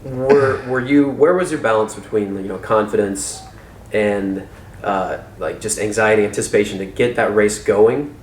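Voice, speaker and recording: A man with a low voice asks his questions haltingly and gropes for the right words. He sits back from the mic in a roomy, echoey space. A faint hiss runs underneath. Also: recorded from a distance. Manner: searching for words, hesitant questions. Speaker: interviewer. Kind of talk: casual interview.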